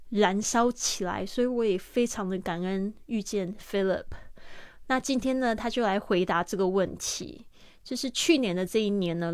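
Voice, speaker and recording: A woman teaching English with an animated delivery. She breaks each sentence down and says key words again. Her voice is mid-pitched, and the sound is dry and close. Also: no room sound. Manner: lively, breaks sentences into parts and repeats them. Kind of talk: explaining English phrases in Mandarin.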